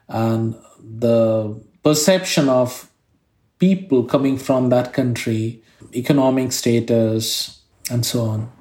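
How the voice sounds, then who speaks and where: A man from India with a Bengali accent, speaking in a measured, reflective way in an interview, sometimes stumbling over his words. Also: mid-range voice, mellow. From India, Kolkata. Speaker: interviewee, scientist. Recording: roomy echo.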